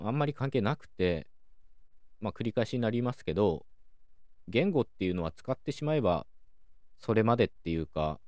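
A man hosting a calm solo talk show, explaining things in a measured way with many soft fillers. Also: on the low side, no room sound, clean studio sound. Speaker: podcast host.

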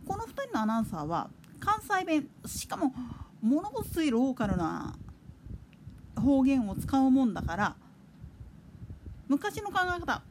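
A woman hosts her own talk radio show alone, her voice high and her pitch swinging up and down. She rambles from point to point in a loose, conversational way, with a faint hiss under the recording. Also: wildly swooping pitch, measured pace, pauses often. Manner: chatty, digressive, with soft laughs. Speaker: podcast host. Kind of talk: casual solo chat radio.

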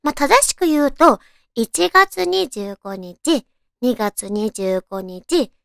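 A woman with a cute, girlish anime-like voice, chatting casually on her own as a radio talk host, with softly drawn-out phrasing. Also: a little high, expressive, creaky, no echo, studio quality. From Tochigi, Japan. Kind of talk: casual solo chat.

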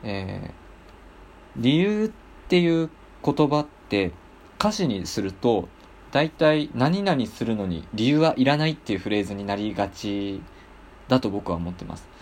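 A man's voice: mid-range voice, big pitch swings, measured pace, a little mellow. A man hosting a casual talk show, speaking politely with many hesitant fillers. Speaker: podcast host.

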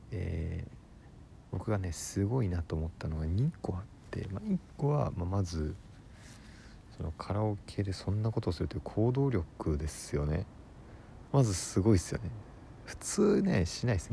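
A man, a comedian hosting his own radio show, telling a rambling story in a casual solo monologue, mixing fast patter with drawn-out words. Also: low voice, creaky, dark tone, a little hiss or hum.

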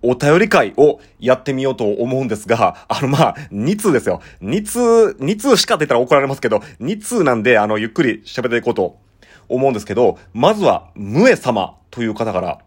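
A man in his thirties speaks with a western Osaka Kansai accent, hosting a relaxed solo show where he reads listener mail. His talk is chatty and rambling, with lively swings of pitch as he explains things. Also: fairly quick, slightly rough. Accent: western Osaka Kansai dialect. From Osaka, Japan. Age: 30s. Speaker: podcast host and musician. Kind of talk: casual solo talk reading listener letters.

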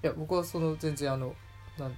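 A man's voice: on the high side, steady tone, moderate pace, a little mellow, soft background music. A man co-hosting a podcast in casual chat, teasing and often laughing at himself. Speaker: podcast co-host.

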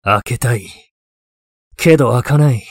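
A man voicing an eccentric, obsessive male occult enthusiast in a ghost story, terse, low-key and matter-of-fact. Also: measured pace, husky, no room sound, clean studio sound. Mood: absorbed, deadpan. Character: eccentric, obsessive male occult-loving mentor, deadpan and wistful.

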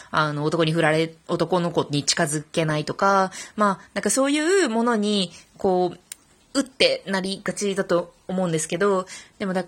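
Loud Hakata-accented woman, trained reader. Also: lowish voice. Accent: Hakata dialect. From Fukuoka, Japan. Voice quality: slightly lisped sh sounds. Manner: loud, projects from the belly, trained former broadcast-club reader. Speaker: podcast host. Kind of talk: casual solo talk, then recitation of a classical tongue-twister piece.

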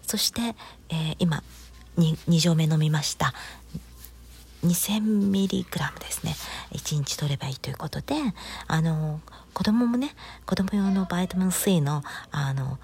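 A woman hosting her own casual radio-style chat in a Kanto-style Japanese accent, speaking softly with a half-whispered delivery and frequent hesitations. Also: sits low, a little hiss or hum. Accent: Kanto-style Japanese, switching from Kansai. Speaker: host of her own talk channel.

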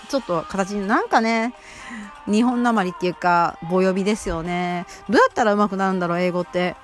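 A woman's voice: medium pitch, steady tone, a little fast, faint music behind. A woman hosting her own casual solo talk show on a radio app, chatting in a rambling, self-deprecating way with many fillers. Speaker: amateur radio-app host.

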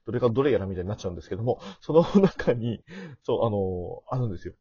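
A middle-aged man with a rough, gravelly voice, chatting casually as a podcast guest. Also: fairly low pitch, animated, very fast, mellow. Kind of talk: casual chat. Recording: dull, muffled lo-fi audio.

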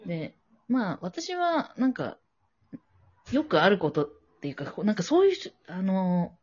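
Japanese woman podcasting, husky low-ish voice, swoops up and down a lot, dull lo-fi sound. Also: sing-song, moderate pace, a little mellow. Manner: rambling, searching for words. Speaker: podcast co-host. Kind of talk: casual chat, telling a personal worry.

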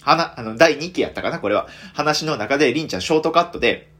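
Animated Kansai man, self-mocking chatter. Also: fairly high pitch, fast talker. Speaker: comedian hosting a solo podcast. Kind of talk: casual solo monologue.

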